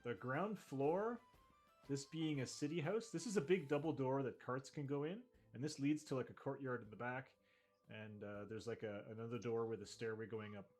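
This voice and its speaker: Halting man narrating as game master. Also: mid-range voice, a little mellow, faint music behind. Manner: halting, rambling. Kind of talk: casual improvised tabletop game narration.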